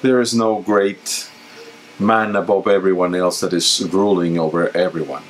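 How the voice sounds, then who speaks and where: A man in his fifties, a deacon, reading the gospel and giving an earnest, measured homily from a small home chapel, with occasional halting restarts. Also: deep voice, fairly even intonation, slight background noise, low-quality recording.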